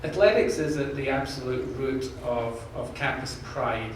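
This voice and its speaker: Speaking a little slowly in a mid-range voice, a man with a faint Scottish accent fields questions from a room of staff as a candidate for university president. He is earnest and jokey, repeats words when he starts over, and sounds far off in a heavily echoing space with constant background hiss.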